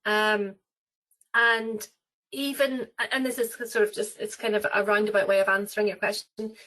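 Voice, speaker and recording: A woman's voice: mid-range voice, little pitch movement, normal speed, sharp tone, rough recording. Chatty Irish woman, many ums. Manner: rambling, many fillers and restarts. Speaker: travel company representative. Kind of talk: webinar interview.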